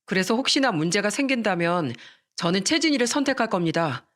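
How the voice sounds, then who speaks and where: A woman's voice: medium pitch, very animated, a little fast, fairly bright tone. A woman voicing an earnest, resolute young man who is a doctor-to-be groom.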